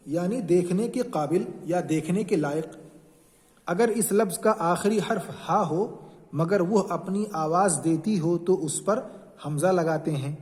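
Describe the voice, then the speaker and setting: A man's voice: sits high, a little mellow. Man teaching a grammar lesson, with reverb. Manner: explains slowly, repeats examples, points to the text. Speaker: Urdu teacher.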